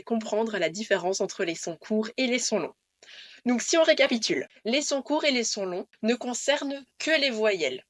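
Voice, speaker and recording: A woman teaching Dutch pronunciation to camera, patiently repeating the rules in a clear way. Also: mid-range voice, fairly bright tone, no echo.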